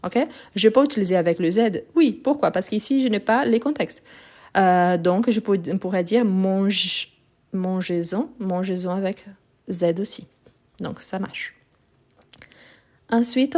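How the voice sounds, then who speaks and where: A woman's voice: mid-range voice, expressive, unhurried, long pauses, a little mellow. A woman giving a live online grammar lesson, explaining patiently and repeating the key words, recorded on a phone. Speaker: French teacher. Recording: phone live stream, slightly lo-fi.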